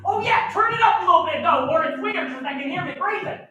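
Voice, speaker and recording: High-voiced bawdy stand-up comedian. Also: male voice, lively intonation, quick pace, bright, forceful tone, soft background music. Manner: bawdy, self-mocking, banters with the crowd. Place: comedy show stage, live venue. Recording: echoey live room, mic far off.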